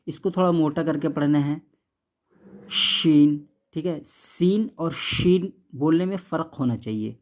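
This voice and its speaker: A man teaching how to read the Quran, saying each letter sound slowly and more than once, contrasting thin and heavy sounds, and checking in often. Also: fairly high pitch, a little mellow. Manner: patient, repeats each sound, keeps asking "okay?".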